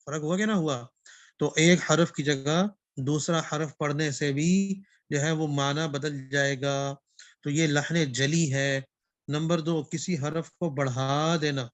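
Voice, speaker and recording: A man teaching Quran recitation in a classroom lesson. He asks questions, answers them himself, repeats key phrases and slows down to recite verses. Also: on the high side, no room sound.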